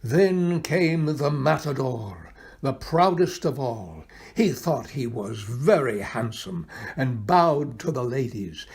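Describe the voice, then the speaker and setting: A man reading a children's picture book aloud expressively, pausing for drama and addressing his young listeners. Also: medium pitch, lively intonation, a little mellow, breathy edge. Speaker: volunteer storybook reader.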